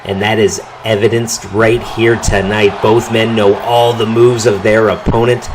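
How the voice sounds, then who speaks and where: A man calling a wrestling match play-by-play, his voice jumping up in pitch and volume on big moves and near-falls. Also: unhurried, noisy background. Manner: excited calls that rise on big moves and pin counts. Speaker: wrestling commentator. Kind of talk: play-by-play commentary.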